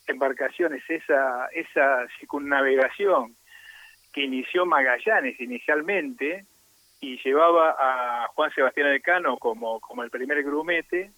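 A man's voice: medium pitch, measured pace, pushed and bright, no echo, rough recording. A man speaking as a radio guest, explaining at length with hesitant fillers. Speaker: radio guest on Basque culture.

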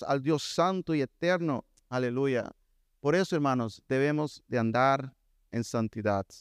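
Male preacher, exhorting sermon, smooth resonant voice, dry close sound. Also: a little high, no echo. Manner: exhorting, repetitive calls to the congregation. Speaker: pastor.

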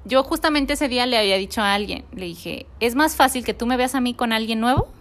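A woman's voice: on the high side, brisk, slight background noise. A woman with a Mexican accent tells a personal story casually in an interview and acts out the dialogue she recalls.

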